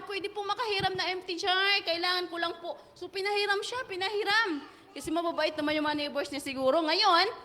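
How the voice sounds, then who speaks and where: Bright high-voiced woman telling a children's story. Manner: asks the children questions, calls on them by name; slow and drawn out at key words. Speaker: children's story teller at church. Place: church hall. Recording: long reverb of a church hall.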